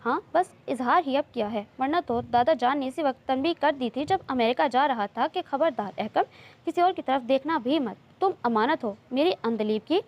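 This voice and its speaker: A woman's voice: high-pitched, animated, moderate pace, lo-fi sound. A woman reading a teasing, loving young man. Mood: teasing, tender. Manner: playful, coaxing, insistent. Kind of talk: romance novel reading.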